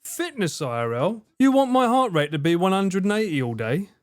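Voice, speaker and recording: A man with an Essex accent chatting casually on a livestream in a jokey, sweary, expressive way. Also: high voice, brisk. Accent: Essex English. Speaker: streamer reacting to video edits.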